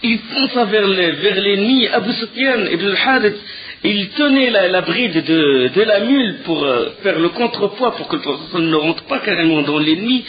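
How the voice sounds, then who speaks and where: A man's voice: high-pitched, lively intonation, normal speed, highs cut off. A man giving a lecture, telling the story with animation, often restarting his sentences and using fillers. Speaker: teacher of religious history. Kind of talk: recorded lecture retelling a story.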